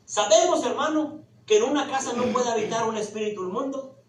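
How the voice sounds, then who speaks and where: Male preacher, loud soapbox-style sermon ranting, emphatic rhetorical questions, roomy echo with some background noise. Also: extremely high pitch, brisk. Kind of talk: fiery Pentecostal-style sermon. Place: echoey church room. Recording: echoey hall, distant mic, background noise.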